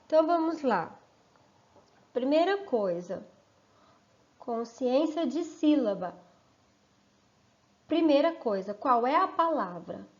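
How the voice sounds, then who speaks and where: Woman, primary teacher, slightly high voice, slow and careful, drawing out each sound for children. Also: big pitch swings, darkish tone, highs cut off. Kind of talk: slow remote lesson for children and families.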